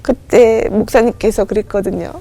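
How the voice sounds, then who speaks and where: A woman's voice: medium pitch, moderate pace, creaky. A woman guest on a studio talk show, telling an emotional personal testimony and acting out the dialogue in it. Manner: animated, acts out remembered dialogue. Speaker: guest singer giving a testimony.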